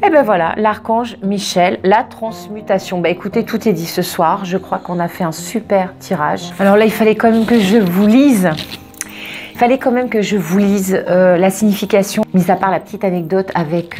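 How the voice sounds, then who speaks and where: Expressive woman giving card-reading guidance. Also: mid-range voice, normal speed, faint music behind. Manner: expressive, digressive, emphatic repetitions. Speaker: oracle card reader. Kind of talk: casual spiritual guidance.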